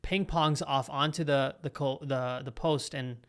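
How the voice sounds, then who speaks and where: A young man hosting a live football watch-along, calling the play with excitable reactions and chatting to his viewers. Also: mid-range voice, a little slow, clean tone. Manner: excitable, talks to live chat between play calls. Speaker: live football stream host. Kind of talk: live match reaction commentary.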